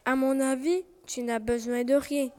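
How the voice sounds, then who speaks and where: A woman doing Loup, a sly, coaxing wolf. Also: high voice. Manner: calm, coaxing, unhurried. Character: sly, smooth-talking male wolf. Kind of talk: storybook read-aloud.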